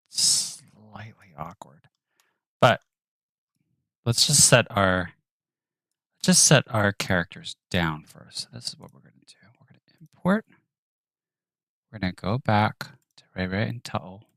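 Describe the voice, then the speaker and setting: Male streamer, deep voice, close and dry, muttering commentary while he works. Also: lively intonation, unhurried, gravelly, long pauses, sharp tone, dry recording. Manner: thinks aloud, muttering and whispering to himself. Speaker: 3D artist streaming his work. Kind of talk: live-stream narration of work.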